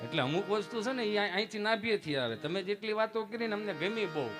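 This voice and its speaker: A man's voice: sits high, fast, over music. A man telling folk jokes and stories on stage, acting out many voices. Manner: lively joke-telling with many acted voices. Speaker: folk comedian. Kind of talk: live stage storytelling.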